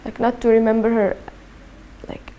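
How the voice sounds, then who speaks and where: A twenty-one-year-old woman from Syria with a Syrian accent, giving a halting personal testimony in an interview and often repeating her words. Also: a little high, flat delivery, dark tone, slight background noise.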